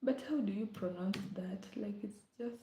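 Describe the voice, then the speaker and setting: Soft-spoken young woman streaming live. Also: mid-range voice, normal speed, slight background noise. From Kenya. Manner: chatty, often drops to a whisper, hums song lines. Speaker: livestreamer. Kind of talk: casual live-stream chat. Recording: echoey room.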